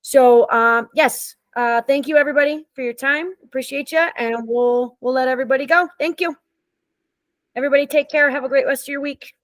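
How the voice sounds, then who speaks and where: Friendly woman hosting a meeting, higher pitch. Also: brisk, dry recording. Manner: friendly, relaxed, with frequent ums. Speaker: meeting facilitator. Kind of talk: casual online meeting talk.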